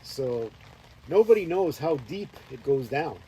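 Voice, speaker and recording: Man hosting a casual chat, laid-back storyteller, warm and mellow voice, faint noise. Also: on the high side, big pitch swings, a little slow, poor audio. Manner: laid-back, meandering storytelling, laughs often. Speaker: host.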